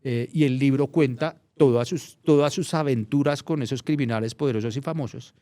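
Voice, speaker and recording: A man's voice: mid-range voice, a little fast, no echo. Man telling stories, dry sound. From Colombia. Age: middle-aged. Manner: anecdotal, restarts phrases, animated when recounting. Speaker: journalist guest. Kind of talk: casual storytelling interview.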